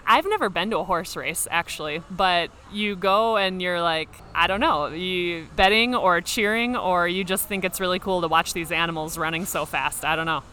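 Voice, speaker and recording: A woman's voice: fairly low pitch, normal speed, few pauses, bright, forceful tone, slight background noise. Woman hosting an interview podcast. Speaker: podcast host, former pro basketball player. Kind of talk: scripted podcast introduction and interview.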